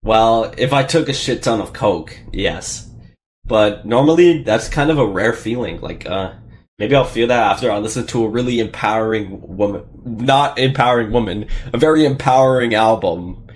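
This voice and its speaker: A young adult man with a lowish voice chats casually at a moderate pace. He's a host answering questions, and his talk is informal, slangy and a little hesitant.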